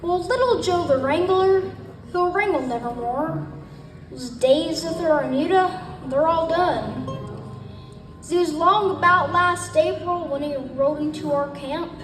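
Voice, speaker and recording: A woman's voice: very high-pitched, measured pace, soft background music. A woman performing cowboy poetry, reciting a folksy ranch story to a live gathering in a roomy space, picked up from a distance.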